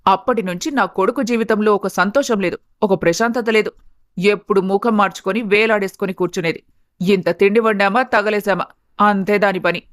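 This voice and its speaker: A bitter, scornful mother-in-law, put on by a woman narrator who taunts and scolds in a sharp, sarcastic manner. The voice sits a little lower and pushes harder than the narrator's own. It is recorded close and bone-dry, with no room sound at all. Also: moderate pace, no echo, natural voice. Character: harsh scornful middle-aged mother-in-law. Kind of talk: storybook character voice.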